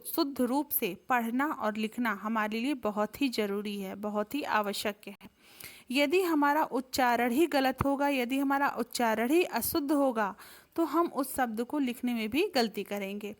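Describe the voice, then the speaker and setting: Patient Indian woman Hindi teacher. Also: high-pitched. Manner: patient, repetitive, calls students "beta". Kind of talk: classroom lesson to children. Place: school.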